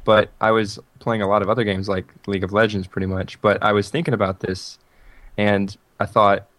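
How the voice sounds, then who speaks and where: Low-voiced young man thinking aloud. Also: level tone, fairly quick, a bit bright, dry recording. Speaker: gaming YouTuber, co-host. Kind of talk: casual group chat.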